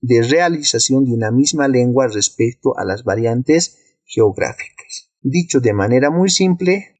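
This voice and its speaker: A man with a Bolivian accent gives a steady, explanatory video lesson at a middle pitch. He walks through points clearly and asks his listeners rhetorical questions. The sound is close and dry, with no room echo. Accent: Bolivian Spanish. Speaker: teacher.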